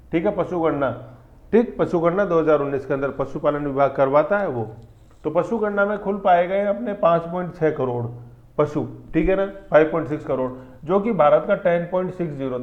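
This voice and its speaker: A man teaching an exam-prep class in a conversational way, often repeating points and checking in with the students. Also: fairly high pitch. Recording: dull lo-fi sound.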